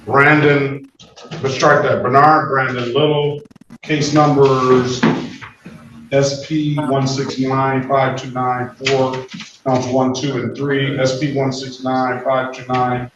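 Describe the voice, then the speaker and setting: Stern judge on an echoey courtroom recording. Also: male voice, mid-range voice, level tone, takes it slowly, recorded from a distance, highs cut off, background noise. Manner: stern, firm, interrupts to keep control. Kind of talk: courtroom proceedings. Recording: echoey courtroom from afar, faint music.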